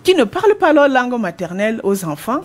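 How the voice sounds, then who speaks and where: A fairly high, very animated voice that runs a little fast comes from a retired language teacher in her sixties with a Cameroonian French accent. She answers an interview earnestly, explaining as she goes and often beginning her phrases again.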